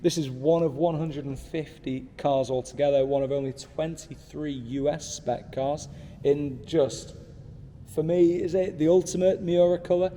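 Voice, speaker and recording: A man's voice: medium pitch, mellow, long reverb tail, a little hiss or hum. A man in his thirties, talking casually to camera from his desk, enthusiastic and rambling with asides. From United Kingdom. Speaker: car channel host. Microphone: small pocket camera.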